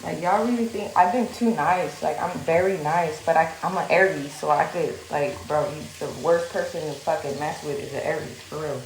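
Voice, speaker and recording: A young woman, a social media personality, rants to the camera in a heated, blunt way, swearing often and packing in fillers like "like." Her voice is low, her pace moderate with few pauses, and the echoey room carries a little hiss or hum.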